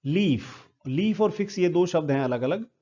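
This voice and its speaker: A man's voice: a little high, expressive, normal speed, dark tone, highs cut off. A man teaching English phonetic symbols, spelling each word out sound by sound. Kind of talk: phonetics lesson at a board.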